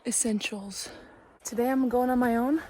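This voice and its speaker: A young woman talking to her camera in a casual, chatty, excitable way while out on a mountain hike. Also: a little high, normal speed, slight background noise. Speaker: vlogger. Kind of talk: casual hiking vlog. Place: outdoors on a mountain trail.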